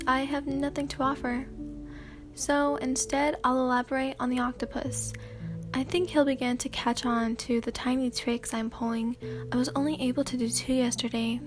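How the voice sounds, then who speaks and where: An ASMR channel host reads fan fiction in a sleepy, soft-spoken style, her high voice flat. She sounds hesitant, with many fillers and throat clears.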